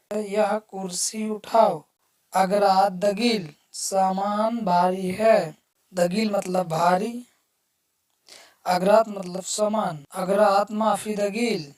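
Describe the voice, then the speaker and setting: A woman gives a phrase lesson at an unhurried, measured pace, at a middling pitch. She repeats each phrase and then explains it word by word. Her voice sounds set back from a distant microphone. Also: a little mellow. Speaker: language teacher. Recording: voice distant from the mic.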